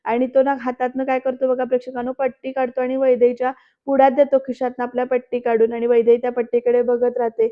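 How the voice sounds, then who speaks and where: A woman's voice: a little high, monotone, quick pace, phone-quality sound. A woman giving a voice-over recap of a serial episode, telling the story scene by scene and often speaking straight to the viewers. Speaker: serial reviewer.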